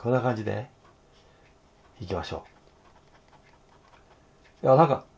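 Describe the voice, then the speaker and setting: A hoarse man teaching fountain pen illustration, talking to himself in halting asides as he draws. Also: medium pitch, lively intonation, a little mellow, lo-fi sound. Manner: talks to himself while drawing, halting, murmured asides. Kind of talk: casual drawing tutorial.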